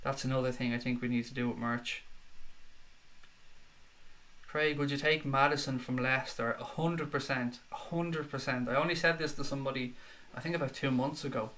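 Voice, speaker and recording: A man's voice: mid-range voice, steady tone, moderate pace, a bit bright, slight background noise. A man with a Dublin Irish accent hosts a casual live stream with a slight head cold, reading viewer messages aloud and answering them in a matey way. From Dublin, Ireland.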